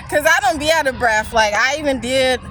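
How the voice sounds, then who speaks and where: A woman's voice: high-pitched, brisk, pushed and bright, a little hiss or hum, low-quality recording. A young woman vlogging while walking outdoors, out of breath, talking in a rambling, candid way. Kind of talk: casual chat. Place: outdoors on foot, near traffic.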